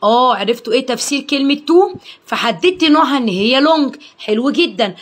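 A young Egyptian woman teaching English pronunciation to children, drilling sounds slowly and praising cheerfully. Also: sits high, expressive. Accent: Egyptian Arabic. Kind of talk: phonics lesson for children.

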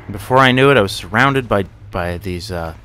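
A man's voice: on the low side, fairly quick, bright, forceful tone, a little hiss or hum. A young man casually narrating a horror game as he plays, rambling, swearing and muttering to himself, with yelps and curses when something jumps out at him. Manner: yelps and curses at jump scares. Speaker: gaming channel host. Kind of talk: let's play commentary.

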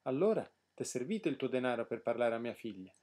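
A man voicing a stern, ironic king who gives orders and threats in a storybook reading, with a husky, mellow voice. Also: mid-range voice, sing-song, fast. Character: stern mocking old king, male.

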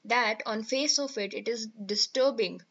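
A woman with an Indian English accent reads a newspaper article aloud for exam students, then explains it. Her voice sits fairly high. The audio is slightly dull and lo-fi. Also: measured pace, fairly bright tone, husky. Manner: reads steadily, with fillers and self-corrections. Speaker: teacher.

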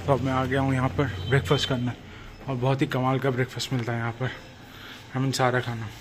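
A man's voice: medium pitch, little pitch movement, fast talker, noisy background. A young man filming a casual travel vlog on his phone at arm's length, chatting outdoors and mixing in English phrases. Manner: mixes Hindi with English phrases, chatty and upbeat. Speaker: travel vlogger. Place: outdoors on a hill-town rooftop and streets. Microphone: phone held at arm's length.

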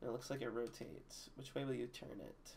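A male streamer chatting casually while playing a horror game, swearing freely, laughing often, swinging between mutters and loud outbursts. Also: mid-range voice, moderate pace, vocal fry, slight background noise. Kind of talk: casual gaming chat.

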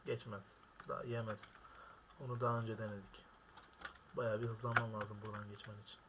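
A young man commenting on his own gameplay, exasperated and complaining loudly at the game. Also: on the low side, flat delivery, brisk. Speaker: gamer. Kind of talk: frustrated gaming commentary. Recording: keyboard clicks and noise behind. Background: keyboard typing.

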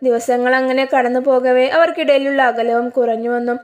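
Storyteller: woman, high voice, calm scripted narration. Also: moderate pace.

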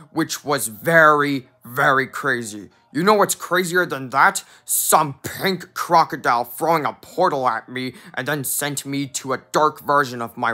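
King Dedede, a fan doing a blustery penguin king. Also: mid-range voice. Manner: blustery and repetitive, yells insults. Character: boastful male penguin king, short-tempered.

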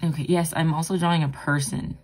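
A woman's voice: low-pitched, fairly even intonation, brisk, darkish tone. A young woman talking casually while she draws, with a groggy morning voice and a chatty, rambling, self-deprecating manner. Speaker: art vlogger. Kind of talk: casual narration while drawing.

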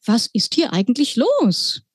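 A woman's voice: fairly high pitch, wildly swooping pitch, measured pace, husky, no echo, exaggerated voice. A woman voicing a spirited young girl who speaks out bluntly and indignantly, in a storybook reading. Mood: puzzled. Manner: indignant, outspoken.

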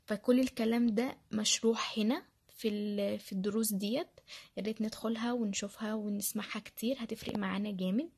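Speaking at a medium pitch with fairly even intonation, she moves briskly; her tone is a little mellow and slightly rough. The Egyptian Arabic-accented learner walks viewers through her study routine in a casual screen-share, chatty, repetitive, and full of fillers.

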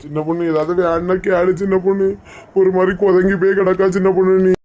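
A man with a Kanyakumari Tamil accent playing a soft-spoken young man who fawns and pleads. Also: high voice, level tone, fast, lo-fi sound, close to an everyday voice. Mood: coaxing. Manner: coaxing, pleading.

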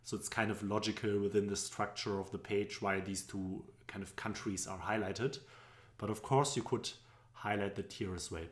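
Sitting at his home desk with a webcam, a young man from Germany narrates a screen-recorded walkthrough of business charts in a loose manner, dropping plenty of fillers. His German-accented voice is on the low side, fairly even in intonation, at a moderate pace, and the room echoes.

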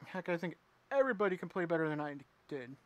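A man streaming himself playing a retro game, chatting with viewers and reacting out loud as he plays. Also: a little high, animated, fast. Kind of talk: casual live gameplay commentary.

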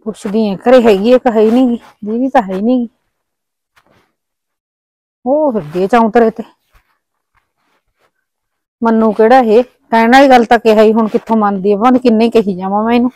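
A woman's voice: a little high, fairly even intonation, normal speed, long pauses, darkish tone, natural voice, low-quality recording. An actress playing an aging mother neglected by her son and daughter-in-law, talking in a complaining, reproachful way in a village drama. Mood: worried. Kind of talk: village web drama acting.

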